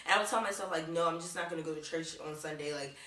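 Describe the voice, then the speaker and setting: Racing along in a low, slightly bright voice, a young Baltimore woman chats to camera in a casual vlog, using "like" almost constantly. She sounds far from the mic, in an echoey room.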